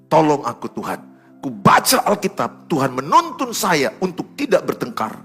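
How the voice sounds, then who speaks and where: A middle-aged male pastor preaching a sermon, swinging between loud urgent exhortation and soft, confiding asides. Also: fairly low pitch.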